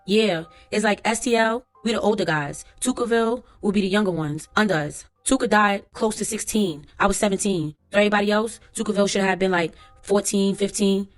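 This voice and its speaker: A woman voices a young male witness on the stand, rendered in a plain transcript-reading voice. The delivery stays level at a middle pitch, with casual street slang and faint background music underneath. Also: brisk, hardly any pauses, close to an everyday voice. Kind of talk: transcript read-aloud.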